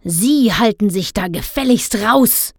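A woman's voice: mid-range voice, expressive, measured pace, no echo, clean studio sound, close to an everyday voice. A woman doing a grumpy stingy storybook father. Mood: indignant grumbling. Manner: gruff, indignant, grumbling. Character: grumpy stingy middle-aged father, scolding.

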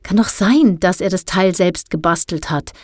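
A woman voicing an eager, warm-hearted teenage girl in an audiobook, quick to defend others. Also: fairly low pitch, dry recording, studio quality, natural voice. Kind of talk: audiobook character voice.

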